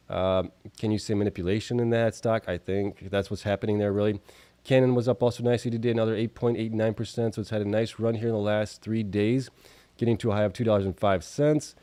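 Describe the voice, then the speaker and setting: A man's dark-toned voice, on the low side, comes through a dry recording as he hosts a stock market video show. The recap is casual: he reads out figures informally, makes offhand asides, and coughs and sniffles from mild allergies.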